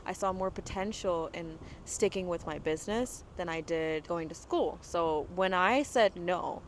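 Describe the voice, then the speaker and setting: A woman's voice: lowish voice, measured pace, a little hiss or hum, low-quality recording. A woman in her twenties from Dubai, a guest entrepreneur talking casually in an interview, full of "you know" and "like" fillers. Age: 20s.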